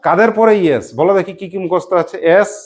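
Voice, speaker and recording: A woman teaching an English grammar lesson to a class, asking quick questions and spelling words out letter by letter. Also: lowish voice, expressive, darkish tone.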